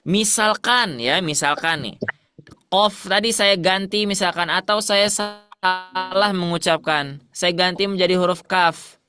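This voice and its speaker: A man's voice: high voice, a little slow, bright, forceful tone, soft background music. A man teaching Quran recitation to a class, asking questions and repeating the answers.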